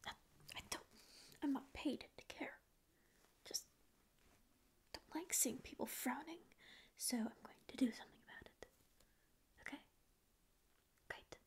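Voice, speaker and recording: A woman whispers close to an ASMR mic in a small, dim room, playing a grumpy, ancient sleep paralysis demon who secretly cares, with sarcastic, mock-rude lines. Her voice sits high and darkish with a breathy edge, exaggerated, unhurried, and full of pauses.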